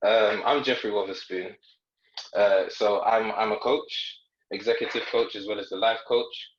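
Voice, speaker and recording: Man guest, joking and chatty, lowish voice, roomy dull recording. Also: fairly even intonation, moderate pace, a little hiss or hum. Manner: joking, self-deprecating, chatty with restarts. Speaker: podcast guest, coach. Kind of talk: podcast conversation.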